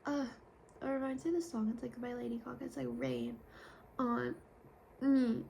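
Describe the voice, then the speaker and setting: A young woman talks through a casual confessional vlog, candid and rambling, now and then sinking into a whisper. Her voice sits a little high with a gravelly fry. A faint hiss runs under the recording. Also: flat delivery, quick pace, dark tone. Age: young adult. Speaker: vlogger.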